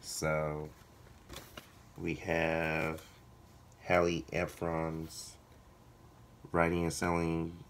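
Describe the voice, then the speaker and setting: Male vlogger, hoarse voice giving out, slow and fairly monotone, casual delivery to viewers. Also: sits low. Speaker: video blogger, writer. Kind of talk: casual vlog talk to viewers.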